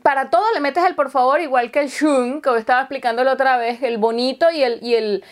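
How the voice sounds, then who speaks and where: A woman's voice: high voice, fairly even intonation, fast talker. A Venezuelan woman in casual chat who acts out little dialogues as she explains. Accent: Venezuelan Spanish. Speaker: conversation partner.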